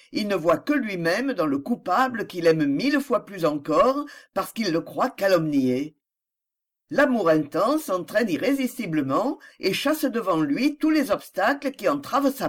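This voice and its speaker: An audiobook narrator reading a novel with scripted, expressive narration. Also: medium pitch.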